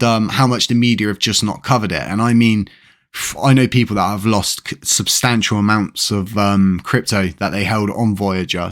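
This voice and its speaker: A man hosting a channel, talking casually and directly to his viewers while on strong painkillers. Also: fairly low pitch. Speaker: crypto channel host. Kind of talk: casual vlog commentary to viewers.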